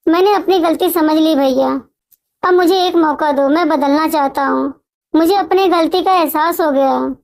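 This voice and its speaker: A woman's voice: high-pitched, moderate pace, a little mellow. A woman voicing a cocky, scheming young man who talks in a smug, dismissive way. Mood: pleading.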